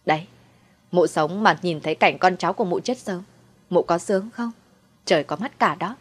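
A woman's voice: fairly low pitch, normal speed, breathy edge, faint music behind. A woman voicing a vengeful, bitter young wife. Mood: defiant. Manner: shouting, full of resentment.

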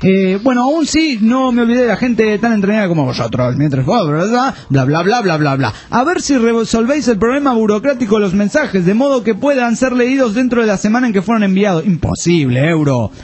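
A man's voice: sits high, expressive, a little fast, a little mellow. A man with a Caribbean Spanish accent hosting a radio show, bantering casually and irreverently as he reads out listener messages. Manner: irreverent, slangy, emphatic. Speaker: radio host.

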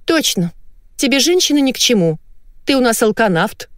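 A shrill, suspicious wife shrieks her questions down the phone at her husband, as a woman narrator puts her on. The voice jumps high and lively and keeps giving orders. The recording is dry and close. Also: normal speed, no echo. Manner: shrieking, bossy interrogation.

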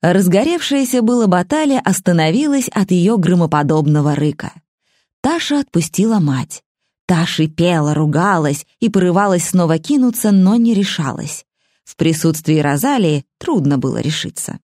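A woman reading an audiobook aloud, expressive and dramatic. Her lowish voice swings widely in pitch, recorded close and completely dry. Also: normal speed, dry recording. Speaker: narrator. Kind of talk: audiobook narration.

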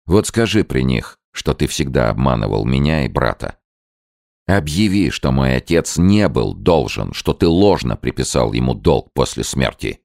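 A man's voice: a bass voice, very animated, normal speed, gravelly, darkish tone, no room sound, studio quality, full character voice. A man voicing a stern young hunter who talks bluntly and makes demands. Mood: demanding.

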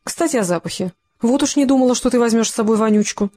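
A small, composed blonde woman of forty speaks evenly and without fuss, as an audiobook reader puts her on. Her voice sits at a middling pitch. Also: fast talker, dry recording, lightly acted. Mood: cool. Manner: level, even.

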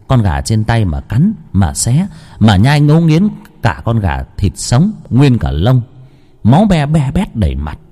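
A man narrating a horror story in a dramatic, slow and suspenseful way. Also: fairly low pitch, mellow, breathy edge.

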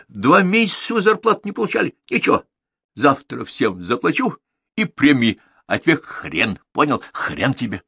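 A crude, bullying chief editor, as a man puts him on in an audiobook, yelling hoarse insults with his voice pushed up high. His delivery swings wildly and sounds husky, recorded dry and close. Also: dry recording, heavily acted. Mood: furious. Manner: yells and hisses insults.

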